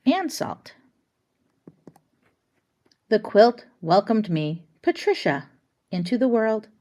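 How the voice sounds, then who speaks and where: This is a storybook read-aloud: a woman reads a children's picture book in a medium-pitched voice, using deliberate, expressive phrasing.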